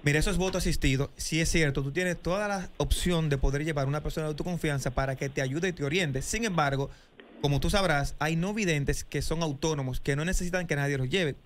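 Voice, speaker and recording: A man's voice: fairly high pitch, brisk, slight background noise. A man explaining voting rules on a radio show in a studio, upbeat and explanatory. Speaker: guest explaining election rules. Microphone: studio mic with headphones.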